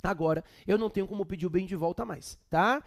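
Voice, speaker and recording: A man's voice: high-pitched, fast talker, creaky, dry recording, clean studio sound. A man with a Brazilian accent giving a chatty law exam prep lecture with humorous asides. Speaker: law teacher.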